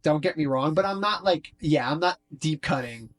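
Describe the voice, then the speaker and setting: A man's voice: on the high side, animated, moderate pace. A man in his twenties with a Philadelphia accent, chatting casually on a podcast in a profane, slangy storytelling way. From Philadelphia area, US. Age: 20s.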